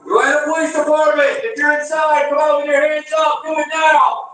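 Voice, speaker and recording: Police officer shouting through a megaphone. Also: male voice, very high-pitched, flat delivery, fairly quick, recorded from a distance. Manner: commanding, repeated shouted orders. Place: outdoors at an apartment complex. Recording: echoey body camera audio with loud noise.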